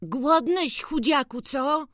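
A narrator voicing an eager young village farmhand boy in a high, excited, chattering voice in an audiobook. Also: slow pace, no room sound, clean studio sound. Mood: joyful.

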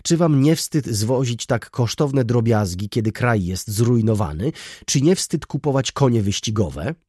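A man's voice: lowish voice, very animated, normal speed, warm tone, slightly rough, no echo, studio quality. A man voicing an agitated, proud noblewoman who speaks in an indignant, trembling tone.

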